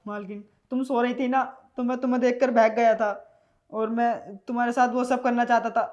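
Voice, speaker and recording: A guilty young house servant begs for forgiveness in a short film drama, meek and stammering, as a woman acts him out. The voice sits fairly high for the part. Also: level tone, brisk, a little mellow, muffled recording, lightly acted. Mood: confessing.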